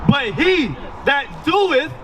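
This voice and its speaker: A man's voice: extremely high pitch, lively intonation, slow, far from the mic, a crowd in the background, background noise. A man reading scripture aloud like a street corner prophet, declaiming it in short emphatic phrases. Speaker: scripture reader for a street preacher.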